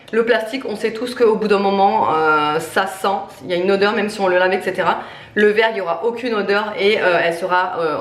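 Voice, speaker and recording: Speaking in a mid-range voice, this thirty-something French family vlogger talks casually to the camera from a room in her home while presenting a product. Her chatty talk is full of hesitant "euh" sounds, and she mentions being tired. There's room echo and slight background noise.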